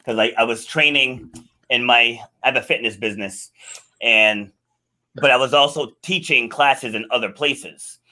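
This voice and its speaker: A man's voice: mid-range voice, moderate pace, sharp tone. A middle-aged man hosting a podcast, chatting casually and laughing a lot. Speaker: podcast host. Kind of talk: casual interview chat.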